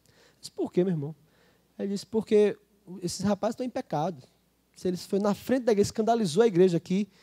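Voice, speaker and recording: A man's voice: high-pitched, mellow. A male Brazilian pastor preaching a sermon, telling stories in a conversational way and acting out dialogue. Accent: Brazilian Portuguese. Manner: storytelling, conversational with quoted dialogue.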